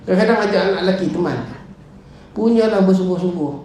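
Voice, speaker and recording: A middle-aged man with a Malaysian Malay accent, preaching in a lively mosque talk that jumps up and down in pitch as he acts out his stories. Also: fast. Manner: animated storytelling, acts out his wife and callers. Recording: echoey hall with faint noise.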